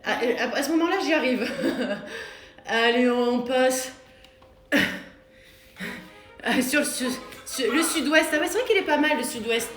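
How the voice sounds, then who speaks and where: A fitness coach leads a live home workout, her high-pitched, fairly bright voice a little slow with frequent pauses. She chats and jokes while reading viewer comments and giving exercise cues. The room sounds roomy, with workout music playing in the background.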